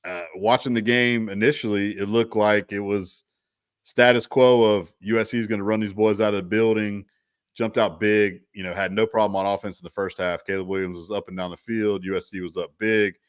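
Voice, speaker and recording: A man with a lowish voice chatting about college football in a loose, rambling way, circling back and restarting his sentences. The sound is dry and close, with no room around it. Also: fairly even intonation, fairly quick, clear, resonant tone, dry recording. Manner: rambling, restarts, lots of "you know". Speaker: co-host. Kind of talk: casual sports talk.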